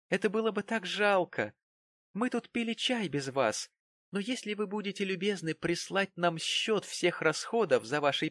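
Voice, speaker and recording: A man's voice: high voice, fairly bright tone, no echo, pitched above the performer's own voice. A man voicing a haughty, scornful young woman who speaks shrilly in an audiobook reading.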